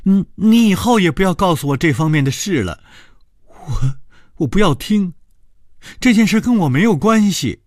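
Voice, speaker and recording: A man's voice: high voice, animated, normal speed, a little mellow, no echo, clean studio sound, pitched above the performer's own voice. A man voicing a frightened young woman secretary who stammers and pleads in panic. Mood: panicked.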